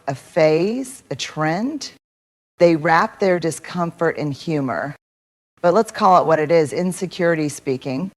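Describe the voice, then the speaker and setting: Woman doing a motivational speech, low voice, takes her time, leans on repeating lines. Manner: measured, emphatic delivery with rhetorical repetition. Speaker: motivational speaker.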